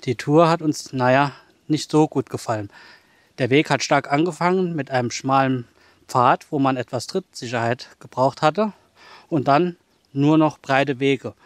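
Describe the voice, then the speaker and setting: A man's voice: medium pitch, unhurried, no room sound. Middle-aged male hiking vlogger, matter-of-fact, dry and close sound, walking outdoors with the camera at arm's length. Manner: plainspoken and matter-of-fact, talking while walking. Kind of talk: casual spoken recap. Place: outdoors on a snowy forest trail. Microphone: camera held at arm's length.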